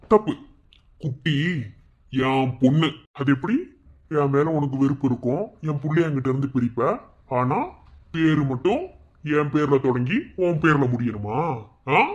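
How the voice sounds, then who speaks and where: A man voicing a bitter, vengeful father in a cartoon, taunting and shouting at his wife. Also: medium pitch, highs cut off, close to an everyday voice. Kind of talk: fan cartoon voice acting.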